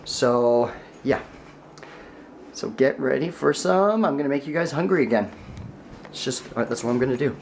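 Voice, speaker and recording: A man's voice: medium pitch, animated, normal speed, vocal fry, pauses often, a little hiss or hum. A young man talking casually to his camera while shopping and baking, joking and laughing as he goes. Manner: chatty and joking, laughs often. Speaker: vlogger. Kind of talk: casual vlog chat. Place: home kitchen and a store.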